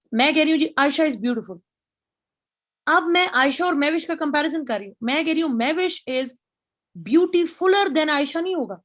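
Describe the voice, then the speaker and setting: A middle-aged woman with a Pakistani accent delivers a grammar lecture, explaining things step by step and spelling out English example sentences. Her voice sits high.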